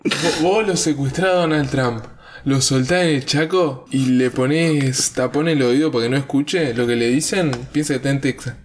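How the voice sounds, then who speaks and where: Joven argentino de tono medio, bromista. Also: male voice, mid-range voice, normal speed, a little hiss or hum. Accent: Argentine Spanish. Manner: playful, spins absurd stories. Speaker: podcast co-host. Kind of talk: casual chat.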